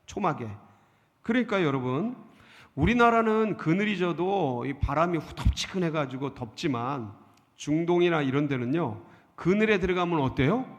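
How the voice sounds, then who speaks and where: A middle-aged male pastor preaching a sermon, asking the congregation questions and answering them himself, dramatic and expressive. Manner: dramatic, acts out emotions with sudden pitch jumps. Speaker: senior pastor. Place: church sanctuary. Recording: church sanctuary with long reverb.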